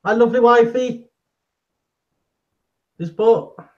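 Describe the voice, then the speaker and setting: Man, live-stream host, jokey banter, greets viewers, fairly high voice, dull lo-fi audio. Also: takes it slowly. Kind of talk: casual live-stream chat.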